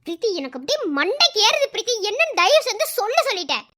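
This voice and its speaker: A woman's voice: very high voice, big pitch swings, quick pace, bright, forceful tone, heavily acted. A woman voicing an exasperated young husband and father who scolds and pleads in a cartoon story. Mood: angry. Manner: scolding, pleading, repeats demands. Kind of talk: Tamil cartoon story voice acting.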